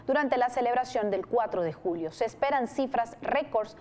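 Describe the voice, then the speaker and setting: A woman's voice: on the high side, expressive, moderate pace, darkish tone, slight background noise. A woman presenting the news as anchor from a TV studio in a formal, scripted tone.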